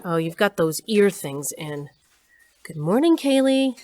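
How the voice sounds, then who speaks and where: An actress voices a sardonic, weary older woman scientist narrating her own story dryly in a first-person audio drama. Her low-pitched voice moves a little slowly, and the mood is wry and exasperated.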